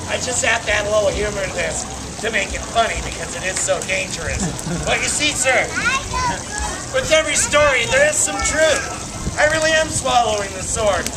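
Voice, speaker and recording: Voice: medium pitch, animated, moderate pace. A sword swallower performing a live street show, projecting comic showman's patter to an audience. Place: outdoors, before a street audience. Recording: distant outdoor recording, loud crowd and noise.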